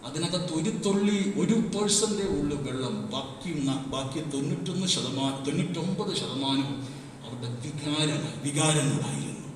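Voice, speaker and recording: Guy preaching hard, goes quiet then shouts, really echoey church hall, faint hiss. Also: a little high, moderate pace. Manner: impassioned, swings from hushed to shouting. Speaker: pastor. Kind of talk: sermon. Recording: echoey hall, mic far off.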